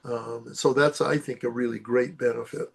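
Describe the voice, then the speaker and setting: A man, a native English speaker with an English accent in German, presenting informally and haltingly, slipping between the two languages. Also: medium pitch, fairly even intonation, creaky, husky.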